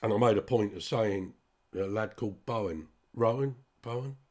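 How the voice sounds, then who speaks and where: Speaking at a moderate pace in a darkish voice on the low side, a British man vlogs straight at his audience. It's a casual rant, rambling, blunt, and full of swearing, in a British English accent.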